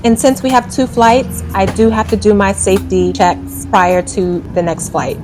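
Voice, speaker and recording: An American woman with a mid-pitched voice narrates a vlog, explaining things as a flight attendant. Clear music plays behind her, with some vehicle sound. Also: fairly even intonation, normal speed, poor audio.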